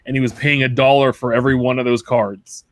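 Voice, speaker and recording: A man of middling pitch co-hosting a casual podcast, rambling through stories with plenty of restarts and side jokes. His voice sits close and dry on the mic, with no room sound. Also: little pitch movement, brisk, no echo. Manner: rambling, self-correcting, jokey. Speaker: podcast co-host. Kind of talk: casual chat.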